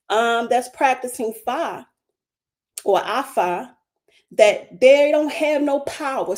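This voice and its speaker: Speaking as a spiritual guest during a livestream, this Baltimore woman has a fairly high, darkish voice and her hometown accent. She is emphatic and fervent, hammering home ideas by repeating phrases.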